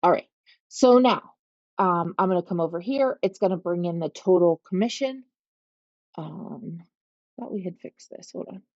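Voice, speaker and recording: Pittsburgh lady doing a screen share tutorial, mellow voice, kinda lo-fi dull audio. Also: fairly low pitch, expressive, moderate pace, no room sound. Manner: patient, step-by-step, checks in with "okay?". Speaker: real estate trainer. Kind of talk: screen-share software walkthrough.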